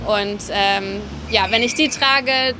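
A young woman in her twenties, answering a street interview in a thoughtful, gentle way. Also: mid-range voice, takes it slowly, noisy background. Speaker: passer-by. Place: city street outdoors.

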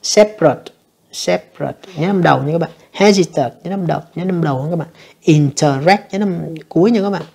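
A woman teacher, going through an English exam answer by answer and reading the English lines slowly. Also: lowish voice, gravelly, mellow, slightly rough. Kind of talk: exam review lesson.

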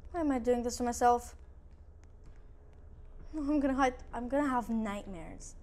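In this let's-play commentary, a woman hosting her own gaming channel works through a horror game, thinking aloud and describing what's on screen while saying again and again that she's scared. Her voice is a little high with a darkish tone, and she speaks at a moderate pace.

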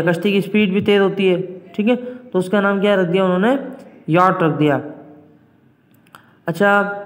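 A male teacher with a Pakistani accent reads an English text aloud slowly, then explains it at length in a classroom lecture, checking in with his students again and again. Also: high voice. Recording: echoey room with long reverb.

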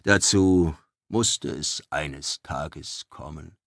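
A man's voice: very deep voice, drawn-out words, gravelly, fairly bright tone, no room sound, studio quality, voice pushed down, heavily acted. A man voicing a grey-haired old druid who preaches in a gloomy, scornful way in an audiobook. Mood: somber. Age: older.

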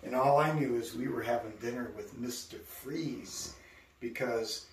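In an indoor art studio, a man in his sixties shows visitors around, speaking at a measured pace in a mid-range voice. He rambles through stories packed with fillers on this casual tour, and the recording has an echoey room, a distant mic and faint hiss.

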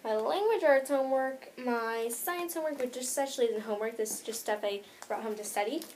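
Fairly quick and on the high side with a darkish tone, an American teenage girl vlogs from her bedroom over a little hiss or hum. She rambles casually to the camera about her bag's contents, saying "like" a lot.

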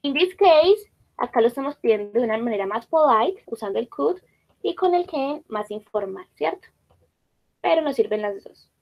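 A woman's voice: a little high, animated, moderate pace, low-quality recording. A woman teacher leading a class, patiently repeating and praising student answers.

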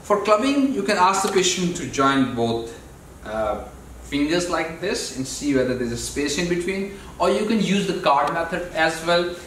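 A man with a Pakistani accent instructs in a measured, step-by-step way, like a doctor giving a practical demonstration. His voice sits slightly high. He is recorded at a distance from the mic in a heavily echoing room with some noise. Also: expressive, fairly bright tone. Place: medium-sized indoor meeting room.

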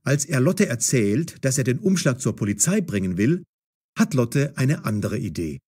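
A man with a mid-range voice narrates a scripted story for language learners, speaking deliberately and expressively with clear enunciation.

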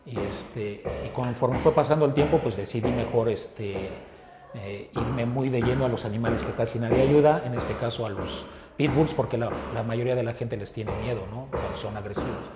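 A man with a Mexican Spanish accent, an animal rescuer, talking earnestly in an interview and often pausing on filler words. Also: medium pitch, a loud crowd. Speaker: animal rescue group founder. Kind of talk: casual interview talk. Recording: roomy echo with faint ambience.

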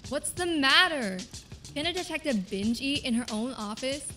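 A woman's voice: high voice, lively intonation, moderate pace, sharp tone, faint music behind. A woman playing a brash, sarcastic detective. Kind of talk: comedic student film acting.

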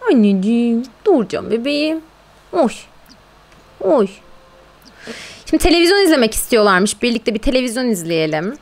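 A woman's voice: on the high side, sing-song, normal speed, pauses often, a little hiss or hum. A woman streamer chatting casually while playing a game, exclaiming and cooing at her pets and talking to viewers. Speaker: gaming streamer. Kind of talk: casual live-stream gameplay chat.

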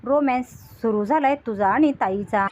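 A woman voicing a hurt, jealous young woman, reading her taunting lines in a slightly high voice. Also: moderate pace, darkish tone, no room sound, highs cut off, lightly acted. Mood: bitter taunting. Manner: bitter, taunting retelling.

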